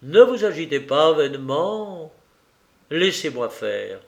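An anxious notary coaxes and pleads gently, in a male reader's voice. He goes slowly and keeps pressing his point. The sound is roomy and echoing. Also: a little high, very animated, gravelly, heavily acted. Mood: coaxing. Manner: coaxing, gently insistent. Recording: echoey room.

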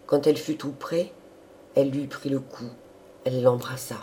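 Mellow-voiced male narrator. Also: medium pitch, a little hiss or hum. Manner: measured, even storytelling. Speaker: audiobook reader. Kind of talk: scripted narration.

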